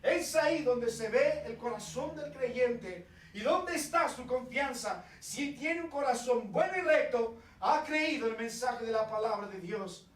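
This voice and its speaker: A pastor from Peru preaching a fervent expository sermon, swinging from loud calls to quiet asides. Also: male voice, very high voice, lively intonation, unhurried. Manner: impassioned preaching, rising to fervent calls, dropping to soft asides. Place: church sanctuary. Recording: echoey church from a distance.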